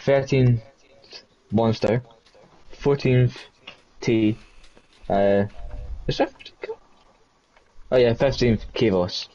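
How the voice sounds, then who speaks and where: A man's voice: medium pitch, extremely slow, pauses often, mellow. A man co-commentating a live esports race in a laid-back, dryly joking way. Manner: laid-back, dry jokes, reads out the grid. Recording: dull lo-fi mic.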